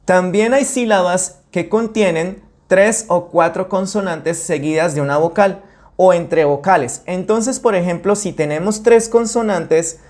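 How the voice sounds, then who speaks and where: Slow, careful woman teaching. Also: fairly low pitch, a little mellow. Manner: slow, careful syllable-by-syllable explanation. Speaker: Spanish teacher. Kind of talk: video lesson.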